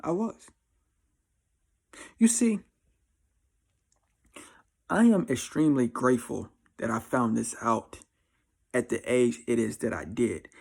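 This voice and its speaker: Speaking slowly and pausing often, a twenty-four-year-old American vlogger offers life advice straight to camera. The voice is medium in pitch, gravelly and darkish, yet animated. It's a casual, slangy confessional, delivered bluntly and emphatically with lots of repeated phrases.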